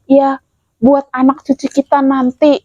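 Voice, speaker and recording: A woman host explains politely and haltingly, often pausing with fillers. Her voice sits fairly high. The recording is dry and dull. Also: flat delivery, warm tone, dry recording. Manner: polite, hesitant, many fillers and apologetic asides. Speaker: spiritual channel host. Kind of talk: casual explanatory talk.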